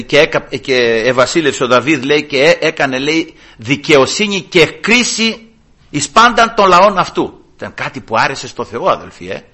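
A man preaching a sermon in church, in an animated, conversational way with frequent asides. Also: mid-range voice.

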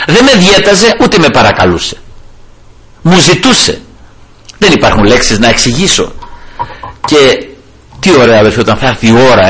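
A man's voice: medium pitch, a bit bright, breathy edge. A man preaching a fervent sermon, addressing the brethren often and repeating refrains of praise to the Lord.

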